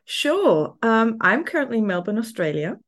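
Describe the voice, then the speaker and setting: A woman's voice: on the high side, very animated, normal speed. A woman in her forties from Switzerland with a Swiss German accent, a cheerful podcast guest who laughs easily. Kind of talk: podcast interview.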